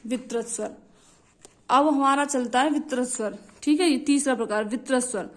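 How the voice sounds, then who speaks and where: A woman's voice: high voice, normal speed. A young woman teaching a lesson, repeating key phrases and checking in often with her students. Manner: repetitive, drilling phrases, frequent checks like "theek hai".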